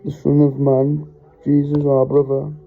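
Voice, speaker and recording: A man's voice: fairly high pitch, monotone, measured pace, creaky. A middle-aged man giving an earnest, rambling preaching monologue into his phone, heartfelt and often stopping to apologize. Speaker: religious vlogger. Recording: tinny phone-line sound.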